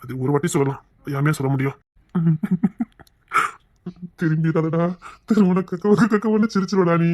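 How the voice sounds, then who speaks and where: A man's voice: on the high side, lively intonation, quick pace, hardly any pauses, a little mellow. A man teasing his wife in a casual couple chat, stalling and holding back laughter. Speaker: husband in a couple vlog.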